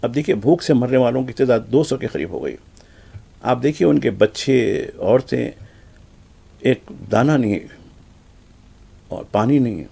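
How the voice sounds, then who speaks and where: A man with a Hyderabadi Urdu accent giving conversational news commentary on the papers, animated, acting out the exchanges he quotes. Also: gravelly, long pauses, slightly rough. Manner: animated, acts out quoted exchanges with shifts in pitch. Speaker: news commentator reviewing newspapers.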